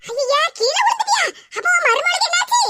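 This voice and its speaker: Cartoon neighbor woman, piercing high voice, lively, tirunelveli tamil accent, gossipy. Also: a little fast. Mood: nosy. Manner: brash, nosy questioning. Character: nosy village neighbor woman, brash and gossipy. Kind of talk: cartoon voice acting. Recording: loud background hiss.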